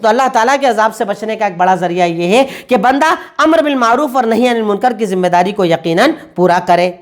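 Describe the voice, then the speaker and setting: A woman teaching a Quran commentary lesson, explaining word by word with English glosses and repeating points in steady lists. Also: mid-range voice.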